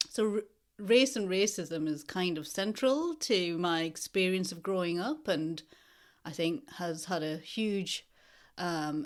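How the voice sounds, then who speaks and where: A lecturer in her fifties from northeast England, with a lowish voice, is being interviewed. She speaks thoughtfully and in a measured way, pausing often.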